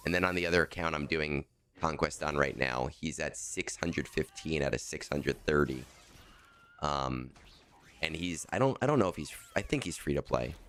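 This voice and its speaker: A man's voice: rumbling low, lively intonation, moderate pace, a bit bright. A man streaming a game and chatting in a casual, rambling and joking way, his voice scratchy in the morning. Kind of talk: casual live-stream chat.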